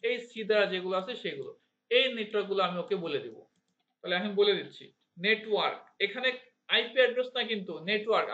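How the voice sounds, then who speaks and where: A man with a Bangladeshi Bengali accent teaching networking to a class in a fairly high voice. He keeps asking students questions and has them say terms aloud. The recording is roomy and a little dull. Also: fairly bright tone. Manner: counts digits aloud one by one. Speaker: networking instructor. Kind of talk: classroom lecture.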